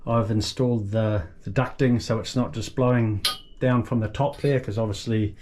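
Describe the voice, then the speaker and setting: A man giving a casual, unscripted walkthrough of a boat's engine room, halting a little as he thinks aloud and points things out. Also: fairly low pitch, fairly even intonation, background noise. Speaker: boat owner giving a tour. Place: small boat engine room.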